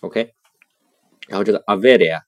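一位男老师用中文讲解意大利语语法，耐心细致，关键的变位形式会放慢反复念。. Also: male voice, lowish voice, no echo. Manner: patient, repeats key forms slowly. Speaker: Italian language teacher. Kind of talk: grammar lesson explanation.

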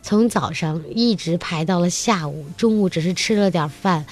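An adult woman with a lowish voice and normal speed appears as a talk-show guest; she teaches musical theatre to children and is mother to a young child. Enthusiastic and animated, she acts out bits of dialogue while telling her stories.

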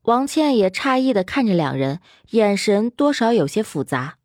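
A woman narrating a serialized novel in an expressive storytelling manner. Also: mid-range voice, normal speed, dry recording, clean studio sound. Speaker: audiobook narrator.

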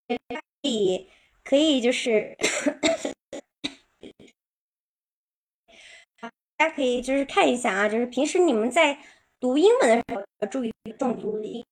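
A woman teaching English pronunciation in a live-stream lesson. She explains patiently with many drawn-out filler particles and slows down to model English sentences. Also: on the high side.

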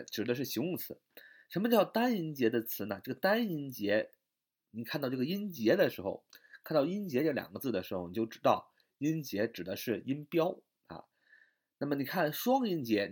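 This male English grammar teacher explains in Chinese, working through each step, with drawn-out fillers and repetition. He has a mid-range, slightly mellow voice.

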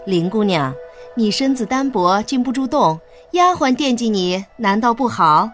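A man's voice: sits high, very animated, a little slow, a bit bright, voice pushed up, heavily acted. A kindly, doting older aunt, voiced by a man in a children's story reading. Her voice is raised and lilting, and she speaks in a soothing way. Faint music plays underneath.

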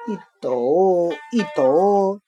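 Casual female history host, Beijing accent, lowish relaxed voice, animated retelling, faint music behind. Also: extremely slow, muffled recording.

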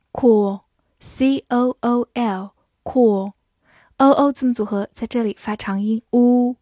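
A woman teaching English vocabulary in a scripted lesson, spelling each word out letter by letter and reading example sentences slowly. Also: a little high, darkish tone, no room sound, studio quality. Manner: spells words out letter by letter, slow model readings.

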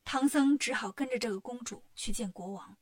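A woman narrating a children's story in a clear, expressive way. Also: a little high, a little fast, no echo, studio quality.

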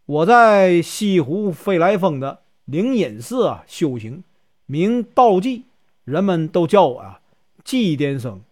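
A ragged, cheeky monk who jokes and needles, his voice leaping high and swooping through a wide range, as a male storyteller with a Northeastern Mandarin accent puts him on. The teasing comes with a mocking lilt, like a prankster playing the fool in a spoken folk tale. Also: very animated, slow pace, a little mellow, heavily acted. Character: scruffy, playful, teasing old monk.

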